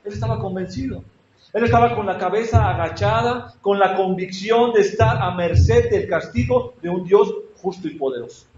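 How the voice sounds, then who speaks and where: A man's voice: sits high, normal speed, a little mellow, slight background noise. A man preaching a sermon in a church, asking his congregation questions and acting out prayers with feeling. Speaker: pastor. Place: church hall. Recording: echoey church hall, dull lo-fi sound.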